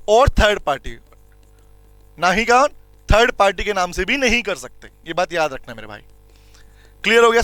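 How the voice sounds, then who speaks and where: A man lectures on commerce law in a very high, crisp, bright voice. He explains with everyday examples, quizzes his students, and calls them beta. The sound is dry and close. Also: no room sound. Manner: addresses students as beta and bhai, repeats points; reads English legal lines slowly and deliberately. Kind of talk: classroom lecture.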